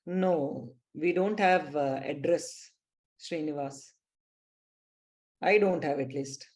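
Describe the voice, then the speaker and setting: Woman, Indian English accent, spiritual teacher; slow, emphatic, lower-pitched delivery. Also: darkish tone. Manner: slow, emphatic, teacherly, addresses listeners directly. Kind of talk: live online spiritual class.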